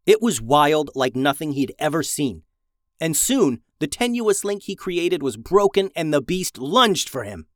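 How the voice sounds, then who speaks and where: A man reading a fantasy adventure story aloud in a steady, even storytelling manner. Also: a little high, unhurried, no room sound, studio quality. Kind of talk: storybook narration.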